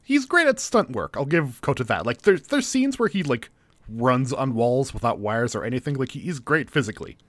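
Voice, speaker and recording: A man's voice: medium pitch, sing-song, normal speed, fairly bright tone, no room sound. A man co-hosting a casual chat, recapping a TV episode and paraphrasing the characters' lines with jokes and laughs. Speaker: podcast co-host.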